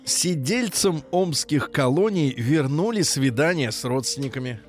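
Animated, higher-pitched male radio host. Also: unhurried, over music. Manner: ironic commentary, repeats words for emphasis. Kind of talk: casual morning radio chat with news reading. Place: radio studio.

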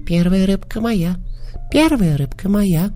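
A man's voice: high voice, animated, measured pace, dark tone, faint music behind, voice pushed up. A man voicing a sly, greedy female fox in a children's storybook reading, with a squealing, giggling, impatient manner. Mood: whispering greedy.

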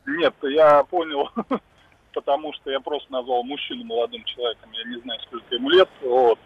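A man's voice: medium pitch, moderate pace, husky. A man calling into a radio show over a poor phone line that keeps breaking up, giving his opinions in a chatty, matter-of-fact way. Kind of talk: casual call-in chat. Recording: muffled lo-fi windy phone line.

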